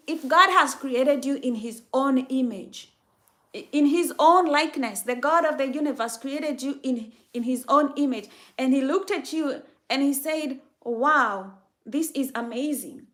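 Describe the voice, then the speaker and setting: A woman from Kenya hosts a faith-based motivational talk on a livestream. She speaks in a fairly high voice and preaches with emphasis, often repeating her key lines for effect. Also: a bit bright. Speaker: livestream host.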